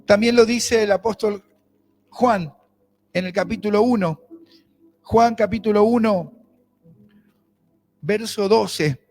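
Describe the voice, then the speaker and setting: A man's voice: high-pitched, takes it slowly, pauses often, a little mellow. A man with a Rioplatense Spanish accent, preaching a sermon as pastor in a conversational way, asking the congregation questions.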